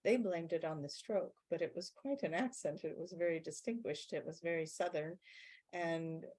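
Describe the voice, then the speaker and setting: Low-voiced woman channelling calmly. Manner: measured, explanatory, often slows to stress words. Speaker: channeller speaking as a guide being. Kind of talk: channelled spiritual Q&A.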